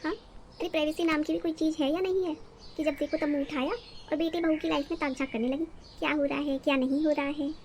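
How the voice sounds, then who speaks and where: A combative young wife with a sharp tongue and a high voice, who scolds and mocks at every turn, as a woman voices her. She is the resentful daughter-in-law of a cartoon family story. Her delivery is sarcastic and quarrelsome. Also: fairly even intonation, quick pace, slight background noise. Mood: angry.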